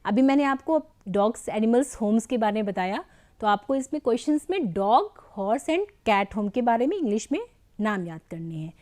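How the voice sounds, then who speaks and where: A woman teacher, giving a slow English lesson to young children, spelling out words and praising often. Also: fairly high pitch, expressive, warm tone. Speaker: primary school English teacher.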